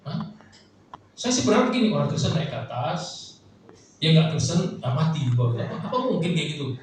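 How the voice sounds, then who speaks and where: A man's voice: a little high, expressive, a little fast, slight background noise. A male pastor preaching a casual, chatty sermon, joking and acting out prayers for the congregation. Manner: chatty, jokes and acts out prayers. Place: church hall. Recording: echoey church hall, mic far off.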